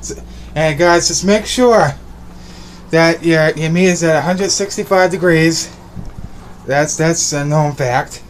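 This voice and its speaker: A young man rambles upbeat through a casual cooking vlog in his small home kitchen and bedroom, repeating his words, his slightly high voice slow and full of frequent pauses. He holds the phone at arm's length, and a faint hiss or hum sits under the audio.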